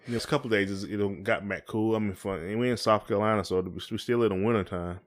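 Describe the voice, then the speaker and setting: A man with a fairly low-pitched voice speaks quickly while co-hosting a conversational podcast. His talk is folksy and wandering, with phrases that come around again.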